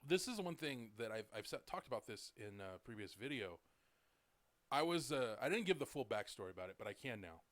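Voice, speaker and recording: A podcast host in his late thirties tells loose, rambling stories in casual chat, full of "like" and "dude." His medium-pitched, slightly bright voice moves in big pitch swings at a little faster than normal pace, with no echo.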